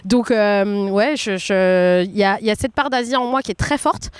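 A chatty woman of around thirty from France, talking as a guest in a relaxed interview. Her voice is smooth and clear, and the sound is dry and close with little room. She keeps going with fillers and quick restarts. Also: medium pitch, no room sound. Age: about 30. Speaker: guest entrepreneur. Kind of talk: casual interview chat.

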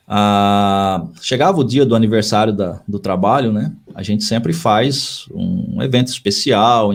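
A missionary pastor with a lowish voice chats in a casual podcast conversation. He comes across as earnest and tends to repeat his phrases.

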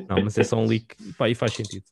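A man's voice: lowish voice, vocal fry. A man with a European Portuguese accent chatting casually as a podcast co-host, in informal, slangy language. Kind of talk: casual chat.

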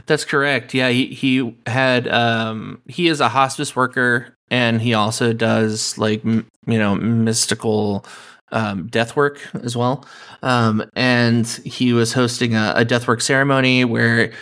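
A calm man with a mid-pitched, gravelly-edged voice speaks unhurriedly as a podcast guest in a relaxed, casual conversation. He talks slowly and leans on fillers, with many you-knows.

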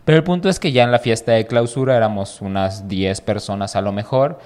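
A young man with a Mexican Spanish accent, co-hosting a podcast and telling a long story in an animated, swearing, casual way. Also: fairly low pitch, a little fast. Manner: animated, swears a lot, acts out voices in his stories. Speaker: podcast co-host.

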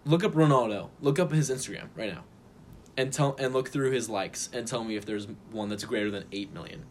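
A man's voice: medium pitch, brisk, a little hiss or hum. A young man co-hosting a podcast in casual, jokey chat, laughing often. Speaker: podcast co-host.

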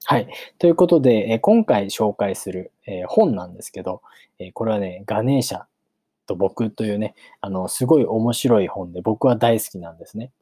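A man hosting his channel, chatting casually with many filler pauses, then reading a novel aloud for learners. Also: lowish voice, slightly rough, no room sound, clean studio sound. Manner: relaxed, lots of filler pauses.

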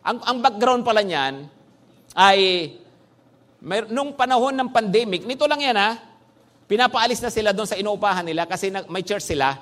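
A male pastor preaching a sermon in a lively, conversational way, often tossing "no?" to the congregation. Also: sits high, normal speed. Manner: animated preaching, frequent "no?" tag questions, mixing English phrases.

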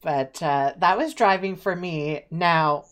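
A woman's voice: on the low side, slow. A young woman from Eastern Ontario, telling stories in casual chat, with lots of fillers. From Eastern Ontario, Canada. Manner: chatty, animated storytelling with many fillers.

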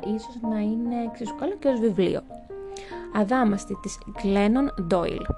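A woman's voice: medium pitch, creaky. A young adult woman chatting through a list of books, with wry asides and stumbles over foreign titles. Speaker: book vlogger. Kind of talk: casual book review narration. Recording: music playing behind the voice.

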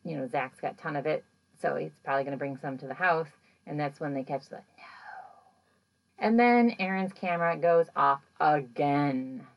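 A woman recapping a paranormal show in a loose, chatty podcast style. Her voice sits low and has a gravelly fry to it. She rambles through the story with plenty of "like" and "you know," and livens up when she acts out the moments. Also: moderate pace, low-quality recording. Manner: animated when acting out moments. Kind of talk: casual episode recap.

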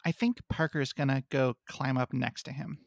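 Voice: medium pitch, steady tone, normal speed, creaky, no room sound. A player in a tabletop game making short, dry remarks. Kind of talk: casual tabletop game chat.

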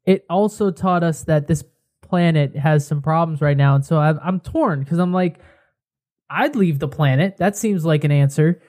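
A man's voice: a little high, moderate pace, darkish tone. Rambling tipsy man co-hosting. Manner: rambling, jokey, many fillers. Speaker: podcast co-host. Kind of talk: casual chat.

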